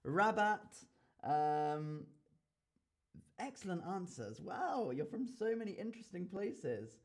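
A man from England, teaching to learners, repeating each sentence slowly and clearly and praising often. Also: sits high, very animated. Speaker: English teacher. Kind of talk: slow, repetitive English lesson for learners.

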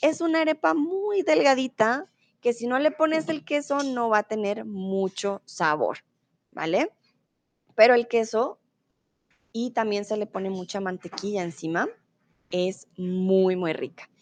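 Her voice fairly high and her pace a little slow, the woman runs a live online Spanish class from Bogotá, Colombia. She speaks neutral Bogotá Colombian Spanish, stays friendly, and laughs as she reads her students' comments aloud.

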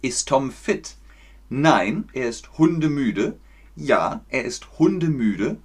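A man from Germany teaching German on a livestream, explaining slowly, clearly and patiently. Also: medium pitch, sing-song. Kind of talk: livestream language lesson.

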